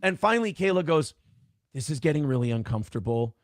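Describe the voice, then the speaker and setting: A man with a somewhat high, gravelly voice tells a tangled personal story in casual, profane, rambling talk. The sound is close and dry. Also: expressive, fast, no echo. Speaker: guest telling his story. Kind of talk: casual storytelling on a call-in show.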